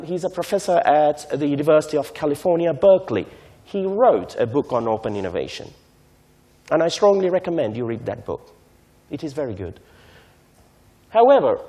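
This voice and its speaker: A man, giving a measured, explanatory lecture to a conference audience and often checking in with "right?". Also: on the high side, big pitch swings, dark tone. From Sri Lanka. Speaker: invited speaker on technology transfer.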